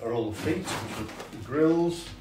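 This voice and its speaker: Speaking a little slowly in an expressive, mid-range voice, a middle-aged English man who owns a hi-fi shop does a casual unboxing demo, chatting hesitantly with fillers as he moves about lifting and unpacking. The setting is a big carpeted indoor showroom, recorded by a camera mic from across the room, so it sounds far off and roomy, with music and background noise.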